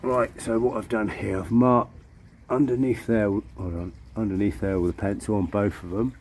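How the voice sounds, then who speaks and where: A man's voice: on the low side, steady tone, moderate pace, a little mellow. A man giving a casual hands-on woodworking demonstration outdoors, informally muttering asides to himself as he works. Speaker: woodworking video presenter. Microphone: handheld camera. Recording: clear background noise with clicks.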